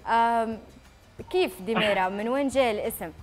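A woman with a Libyan accent hosting a live morning talk show, speaking in a brisk and earnest way from a TV studio. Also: fairly high pitch, over loud music.

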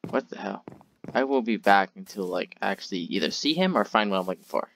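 A young man hosting a gaming channel, giving let's-play commentary in a jumpy, excitable way, yelping and trash-talking the monster. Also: lowish voice, a little fast, creaky, background noise. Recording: loud game sounds with crickets behind.

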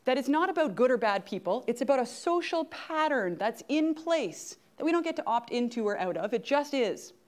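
At grand rounds, a guest speaker in her forties with a Canadian accent lectures interactively from an auditorium stage, often checking in with the audience. Her high voice is very animated, and she talks at normal speed with hardly any pauses.

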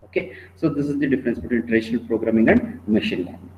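An Indian-accented man lectures his students in an online class. He speaks at a middle pitch, halting and repeating himself as he explains. The sound is narrow and phone-like, as on a poor call connection, with noise behind the voice. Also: reverberant. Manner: halting, repetitive, often checking in with "okay". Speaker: teacher giving an online class. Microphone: online meeting call.

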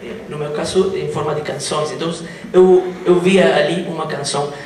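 A man, a native Spanish speaker with a Spanish accent in Portuguese, tells comic stories between songs as a musician on stage, haltingly searching for words. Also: a little high, steady tone, a little mellow. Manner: halting, groping for words in a second language. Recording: distant, very echoey live hall, faint noise.

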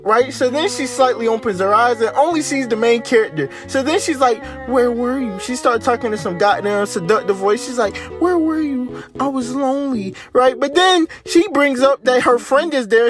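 A narrator casually recapping an anime episode in a comedic, slangy and profane way, often tagging "right?" onto lines. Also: medium pitch.

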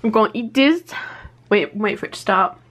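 A young woman, talking to the camera at home in a casual daily vlog, chatty and excitable with many fillers. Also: mid-range voice, normal speed. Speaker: vlogger. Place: at home indoors.

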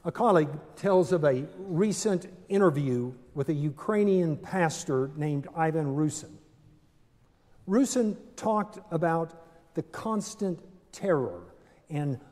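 An older man preaching a sermon from a pulpit in a large stone church, measured and deliberate with dramatic pauses. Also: fairly high pitch, animated, darkish tone. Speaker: pastor. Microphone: pulpit microphone, far camera. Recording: long church reverb.

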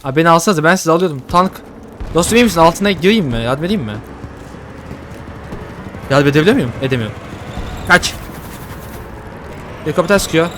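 A man giving casual, excitable commentary while playing a shooter game, joking and swearing at what happens. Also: a little high, fairly quick, long pauses, background noise. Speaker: gaming YouTuber. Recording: faint gunfire behind. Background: faint game gunfire and explosions.

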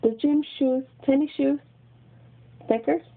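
This is a young woman vlogging from a small bedroom, talking casually into her webcam in a high, creaky voice with a steady tone and an unhurried pace. She has a Mexican American accent, grew up in Texas, and now lives in Los Angeles; she giggles, chats freely, and repeats words. The sound is tinny, lo-fi webcam audio from the built-in mic.

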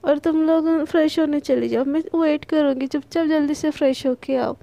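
A woman's voice: high voice, steady tone, normal speed, vocal fry, warm tone, dry recording. A woman voicing an insistent, talkative young neighbor woman in an audio love story. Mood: pushy. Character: pushy chatty young neighbor woman Manya.

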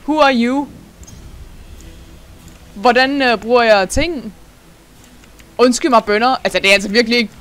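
Excitable young let's-play host, mid pitch. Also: pauses often. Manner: excitable, laughs often, sprinkles English words into speech. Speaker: gaming channel host.

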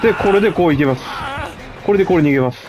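A man with a gravelly voice, chatting casually and mocking himself as he comments on his own game play. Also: fairly high pitch, expressive, rapid-fire, music in the background. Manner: chatty, self-mocking, frequent laughs. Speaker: gameplay commentator.

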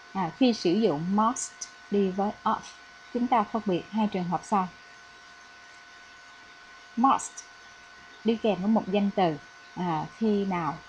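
A woman's voice: medium pitch, lo-fi sound, slight background noise. A woman from Vietnam, an English teacher, explaining a lesson patiently with frequent fillers. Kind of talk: recorded classroom lesson.

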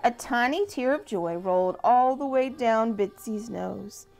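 A woman reading a picture storybook aloud to young church children, gentle and animated. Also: a little slow, creaky, soft background music. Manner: gentle, animated reading with lively pitch swings.

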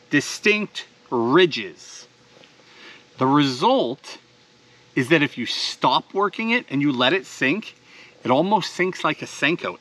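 An eager man in his thirties hosts a fishing video from a boat out on a lake, explaining his gear to the camera one step at a time. He speaks with a high-leaning, sharp voice.

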